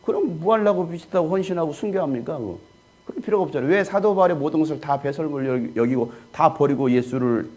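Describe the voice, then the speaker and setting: A man's voice: medium pitch, darkish tone. A man preaching as a pastor in a conversational style, peppering the congregation with rhetorical questions. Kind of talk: sermon teaching.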